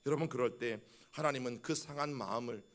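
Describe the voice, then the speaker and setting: With a fairly quick, medium-pitched voice that's a bit bright, a middle-aged senior pastor from South Korea preaches fervently. His sermon is full of direct appeals to the congregation and heartfelt prayers he acts out aloud.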